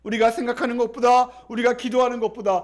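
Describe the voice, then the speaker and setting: Brief: male pastor, very high voice, fervent sermon delivery with repeated refrains and calls for response. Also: little pitch movement, quick pace. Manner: emphatic, repetitive preaching with congregation call-and-response. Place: church sanctuary.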